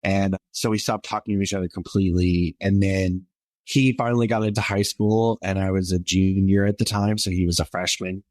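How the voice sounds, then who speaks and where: A man in his twenties, appearing as a podcast guest, tells his personal story earnestly and ramblingly, with lots of fillers. His voice is somewhat high for a man, with a darkish tone and fairly even intonation at a normal speed. There's no room sound.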